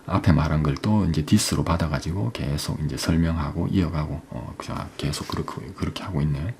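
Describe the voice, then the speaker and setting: A man teaching English, explaining an exam passage step by step, often asking "right?" and reading English phrases slowly. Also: rumbling low, vocal fry, darkish tone, a little hiss or hum.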